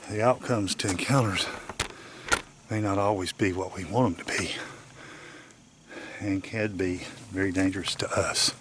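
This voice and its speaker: Winded man talking low on a hike. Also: background noise. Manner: often drops to a hush. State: out of breath. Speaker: vlogger on a woods hike. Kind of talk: casual walking vlog. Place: outdoors on a forest trail. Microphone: handheld camera.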